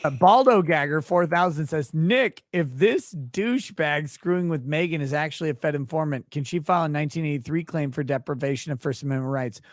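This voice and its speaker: A man's voice: a little high, fairly quick, hardly any pauses, no room sound, studio quality. A man hosting a casual livestream, reading chat messages aloud and joking crudely.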